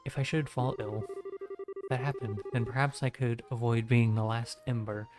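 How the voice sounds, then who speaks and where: A man reading a game's play princess aloud in his own plain, monotone voice. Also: mid-range voice, normal speed, over music, close to an everyday voice. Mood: gloomy. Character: gloomy young princess in a stage play.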